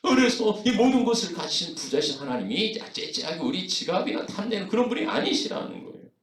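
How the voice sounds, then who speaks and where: A man's voice: high-pitched, sing-song, a little fast, roomy sound, far from the mic. A man preaching a sermon as pastor, in a conversational way with frequent fillers and rhetorical questions. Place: church sanctuary.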